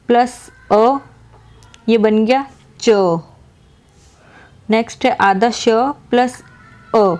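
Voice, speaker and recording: A woman teacher explaining a lesson slowly, asking questions and repeating each answer. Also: on the high side, a little mellow. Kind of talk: slow classroom explanation.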